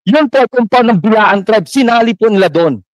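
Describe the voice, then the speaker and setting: A man's voice: high-pitched, expressive, a little fast, no room sound, poor audio. A man, a church minister, giving impassioned, deferential testimony at a formal public hearing. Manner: impassioned, deferential, heavy use of polite particles.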